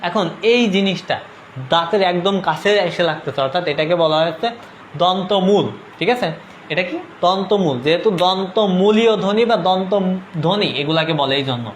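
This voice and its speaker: High-voiced young Bangladeshi man teaching. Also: moderate pace, a little hiss or hum. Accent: Bangladeshi Bengali. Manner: casual, repeatedly urges viewers to comment; checks understanding with "ঠিক আছে?". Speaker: online tutor. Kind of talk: live-stream lesson.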